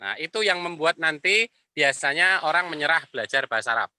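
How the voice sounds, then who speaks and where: A man teaching an Arabic class, explaining patiently and repeating phrases slowly. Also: fairly high pitch, animated, pushed and bright, no echo. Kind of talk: online class lecture.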